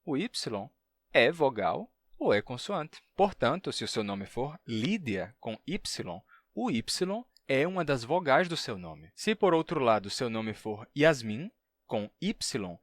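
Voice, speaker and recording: A man teaching linguistics in a video lesson, stopping to sound out example syllables slowly. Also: medium pitch, big pitch swings, dry recording. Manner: demonstrates sounds by repeating them slowly. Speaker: linguistics educator.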